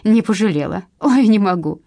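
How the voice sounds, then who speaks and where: A woman voicing a mocking young wife who jeers loudly. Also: medium pitch, lively intonation, moderate pace, no room sound, studio quality. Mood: jeering. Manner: loud, jeering.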